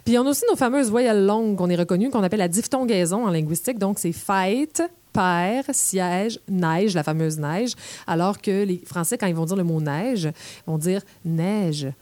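Une femme québécoise à l'accent québécois, qui présente de façon enjouée les sons de sa langue et les illustre par des exemples. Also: female voice, medium pitch, fast, dark tone, no echo. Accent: Québécois French. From Quebec. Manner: playful, demonstrates sounds with examples. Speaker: presenter. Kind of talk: explanatory talk on language.

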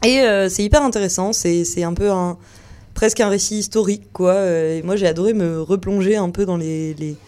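A woman's voice: medium pitch, fairly quick, dark tone. A woman giving a casual book recommendation on a radio show, chatty and loose, with frequent hesitations. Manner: chatty, many fillers and restarts, laughs easily.

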